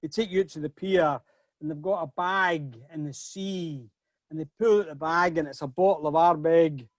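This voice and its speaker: A man's voice: fairly high pitch, normal speed, no room sound, studio quality. Chatty man hosting a whisky tasting. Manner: chatty, repeats words when starting sentences. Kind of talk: casual online tasting talk.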